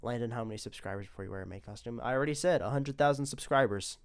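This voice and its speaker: A young man casually commenting on his own animations, rambling and excitable. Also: medium pitch, racing. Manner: rambling, excitable, self-praising.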